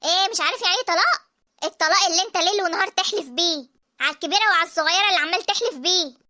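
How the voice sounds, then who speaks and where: A woman voicing a protective, blunt middle-aged mother with an Egyptian accent in an animated drama. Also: very high-pitched, very fast. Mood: stern. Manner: firm and cutting.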